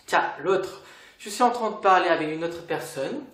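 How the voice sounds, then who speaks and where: A man's voice: high-pitched, animated, moderate pace, fairly bright tone. A man from Korea with a Korean accent, a native Korean speaker, teaching a casual lesson in a chatty, playful way with little laughs. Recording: roomy with faint noise.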